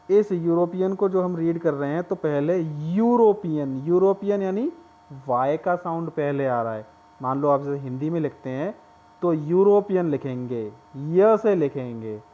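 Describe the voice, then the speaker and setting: A man with a slightly high voice teaches a grammar lesson. He works through each example step by step and keeps checking that his students follow. The recording sounds dull and lo-fi. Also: a little mellow. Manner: explains step by step, often checks with "clear?".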